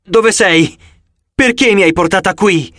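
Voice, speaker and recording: A man's voice: high-pitched, unhurried, dry recording, clean studio sound, pitched above the performer's own voice. A man voicing a stubborn, distrustful teenage girl in an audiobook, calling out and resentful. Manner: shouting, resentful. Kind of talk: audiobook character voice.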